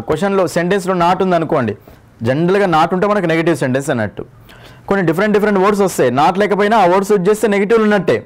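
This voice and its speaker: Fast-talking man teaching grammar with a Telugu accent. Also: fairly high pitch. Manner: repeats each rule and asks the class to confirm. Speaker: English teacher. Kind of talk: exam-prep grammar lesson.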